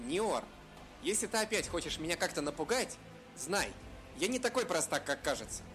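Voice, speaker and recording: A man's voice: on the high side, over music, voice pushed up. A man voicing a cheeky young male fox who teases his friend. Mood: teasing. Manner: teasing, quick, lively.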